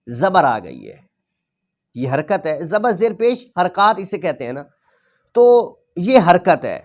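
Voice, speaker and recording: A male Quran teacher explaining a reading lesson patiently, repeating each rule and sounding out letters slowly. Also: high voice.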